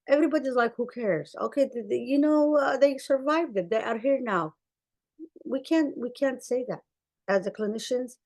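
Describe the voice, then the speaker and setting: A woman from Somalia whose first language is Arabic gives a conference talk with slides as a presenting clinician. Her voice is on the high side, and she's earnest and emphatic, repeating phrases for stress.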